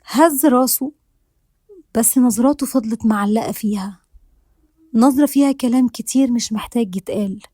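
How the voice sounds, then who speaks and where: A woman with an Egyptian accent narrating a romance story in a soft, at times whispery way. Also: on the high side, moderate pace, pauses often, dry recording. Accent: Egyptian Arabic.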